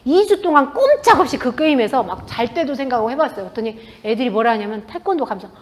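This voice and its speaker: A woman author giving a talk to an audience in a bookstore, telling stories in a lively way and acting out what people said. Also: high voice, fast talker. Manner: lively storytelling, acting out quoted dialogue. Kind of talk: public book talk to an audience. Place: bookstore event space.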